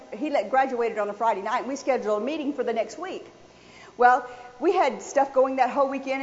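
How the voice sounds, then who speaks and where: A woman preaching a sermon, telling a personal story in a folksy, animated way. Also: a little high. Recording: dull sound with long hall reverb.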